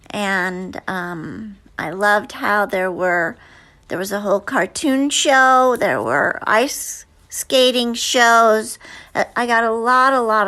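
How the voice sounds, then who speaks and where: A woman in an interview answers slowly and at length, drifting through her memories with many fillers and restarts. Her voice sits at an ordinary middle pitch. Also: bright, forceful tone. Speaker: actress guest.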